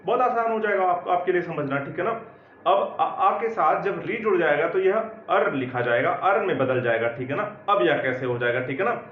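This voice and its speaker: High-voiced male teacher in an echoey room. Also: expressive, normal speed, narrow, tinny audio, slight background noise. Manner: explains step by step, often checks with 'ठीक है ना'. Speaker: Hindi grammar teacher. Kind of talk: classroom lecture.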